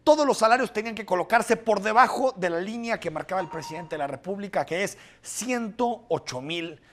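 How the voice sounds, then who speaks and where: A man delivering scripted news commentary, explaining and listing points briskly. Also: sits high, lively intonation, fairly bright tone, a little hiss or hum.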